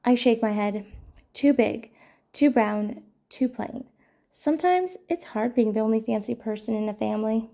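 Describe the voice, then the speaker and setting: A woman hosting a storytime channel, reading a children's picture book aloud in a gentle, playful way. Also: a little high, moderate pace, vocal fry. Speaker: storytime host.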